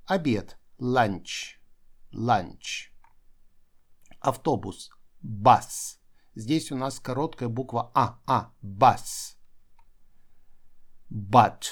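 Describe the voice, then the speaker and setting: A man's voice: medium pitch, gravelly. A man teaching English vocabulary, explaining each word and repeating it for pronunciation practice. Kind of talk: vocabulary lesson.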